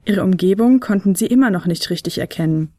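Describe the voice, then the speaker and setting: A woman reads a children's storybook aloud in a clear, steady narrating voice. Her pitch sits in an ordinary middle range. The recording is dry and close, with no room sound. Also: brisk, no echo.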